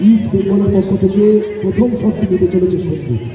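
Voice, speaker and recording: A high-pitched man gives formal football commentary over what sounds like an outdoor public-address system. His voice rings with very heavy echo and is slightly dull, with a crowd around. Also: fast talker, distant mic. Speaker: football match announcer. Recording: booming echoey PA, muffled, crowd noise.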